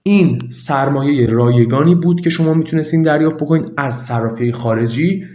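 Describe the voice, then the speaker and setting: Chatty guy explaining a signup step by step, kinda high voice, echoey room. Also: a little mellow. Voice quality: chatty, repetitive, emphatic. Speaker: online money-making tutor. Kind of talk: casual screen-recorded tutorial.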